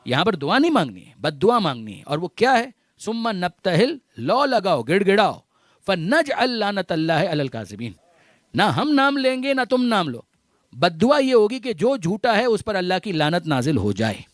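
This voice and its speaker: A male cleric lectures in a raised, fairly high voice, drilling each point through repetition. He recites Arabic verses and addresses the listeners as dear brothers. The recording is dry and close. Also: sing-song, no room sound. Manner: repeats phrases for emphasis, recites Arabic verses; mixes English words into speech. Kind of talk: religious lecture.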